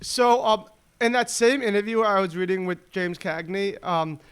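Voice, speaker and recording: A man's voice: high voice, normal speed, a bit bright, clear, resonant tone. A male podcast co-host in casual chat, joking, laughing often and stumbling over repeated words. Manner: jokey, laughs often, stammers and repeats himself.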